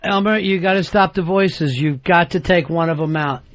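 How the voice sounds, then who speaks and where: A man hosting a talk radio show, taking calls and teasing guests and callers. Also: a little high. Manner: teasing, quick jokes, takes calls. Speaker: radio host. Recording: dull radio broadcast sound.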